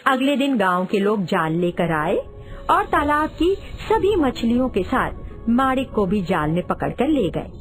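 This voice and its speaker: A woman storyteller reading a moral tale in an expressive, sing-song way, speaking to listeners as friends. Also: fairly high pitch, measured pace, soft background music, rough recording. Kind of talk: scripted storybook narration.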